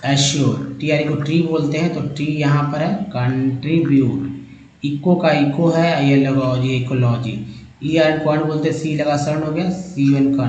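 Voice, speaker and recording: A man's voice: fairly high pitch, darkish tone, echoey room, poor audio. A man teaching English reading from slides, spelling out letter groups and sounding out words in a repetitive drilling way. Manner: addresses viewers as friends, emphatic. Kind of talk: slide-based phonics lesson.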